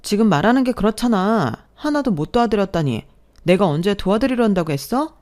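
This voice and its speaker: A woman's voice: low voice, lively intonation, normal speed. A woman voicing an indignant young bride-to-be arguing back in a storybook audio drama. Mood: angry. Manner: indignant, sharp.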